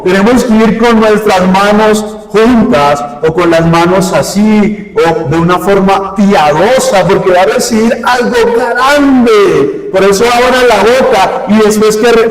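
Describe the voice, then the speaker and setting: A man preaching a homily as a priest, constantly quizzing his congregation with rhetorical questions. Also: high voice. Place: church. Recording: echoey church hall from far off.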